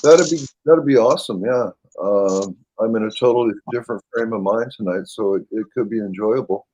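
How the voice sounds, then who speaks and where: A man's voice: on the low side, brisk, mellow, dull audio. A middle-aged man, chatting casually and apologetically on a webcam call. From Canada. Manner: rambling, apologetic. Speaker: livestream host. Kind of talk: casual chat.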